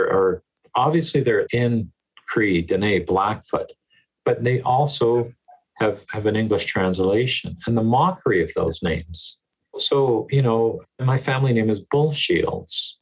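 Husky low-voiced man, emphatic. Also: low-quality recording. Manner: emphatic, repeats words for stress. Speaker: educator and mentor, guest. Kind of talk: earnest conversational interview.

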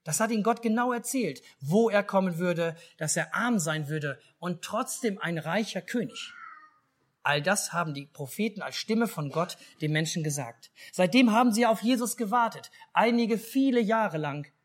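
Lively German storyteller man. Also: sits high, moderate pace. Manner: lively storytelling, asks children questions. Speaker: pastor. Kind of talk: children's story in a church service.

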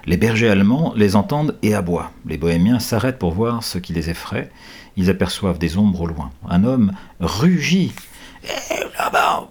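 A man reading a children's adventure book aloud at home, lively and animated, with small hesitations and self-corrections. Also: on the low side, husky.

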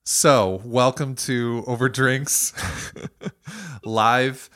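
A man's voice: mid-range voice, extremely slow, a bit bright. A man hosting a casual podcast from his dining room, chatty and laughing often between filler words. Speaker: podcast host. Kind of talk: casual chat.

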